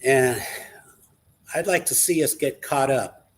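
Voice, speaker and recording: A man's voice: mid-range voice, takes it slowly. A man speaking earnestly as a guest on a live online talk show, in casual conversation.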